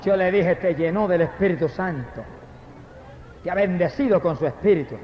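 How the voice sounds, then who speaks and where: A man giving a fervent testimony sermon as a preacher, breaking into loud praise. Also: sits high, moderate pace, a little hiss or hum. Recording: echoey, dull lo-fi hall recording.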